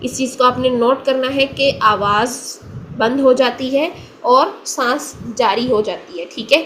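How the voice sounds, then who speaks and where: A woman teaching Quran recitation, patiently explaining and repeating single sounds slowly for the learner to copy. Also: high-pitched, fairly bright tone, a little hiss or hum. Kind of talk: tajweed pronunciation lesson.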